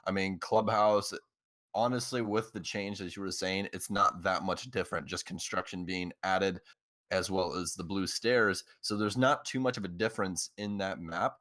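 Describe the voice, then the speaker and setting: Deep-voiced enthusiastic esports co-caster. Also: male voice, steady tone, normal speed, a bit bright, no room sound. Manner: enthusiastic, rambling, filler-heavy. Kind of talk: live esports commentary.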